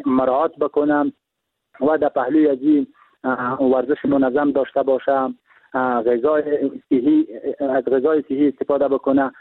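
A man's voice: on the high side, gravelly, no room sound. A man with an Afghan Dari accent, a doctor giving medical advice on a radio show in a hesitant, advisory way over the phone. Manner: advisory, repetitive, hesitant fillers. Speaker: doctor guest. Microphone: telephone. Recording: tinny phone line.

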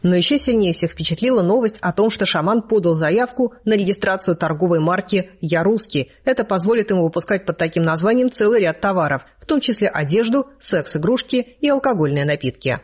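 Male news host, high-pitched and husky, steady scripted read. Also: brisk, few pauses.

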